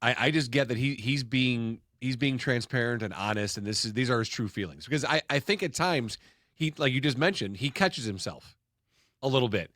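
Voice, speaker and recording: A man's voice: mid-range voice, animated, a little fast, fairly bright tone, no room sound, clean studio sound. A man co-hosting a sports podcast in casual chat, earnest and thinking aloud with many restarts. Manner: earnest, repeats words while thinking aloud.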